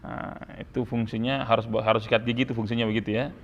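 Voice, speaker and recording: A man with a mid-range voice speaks fast in a level tone, coaching students on Quran recitation. He corrects their pronunciation and demonstrates sounds again and again, teasing them a little. The audio is dull, with hall reverb and faint ambient noise.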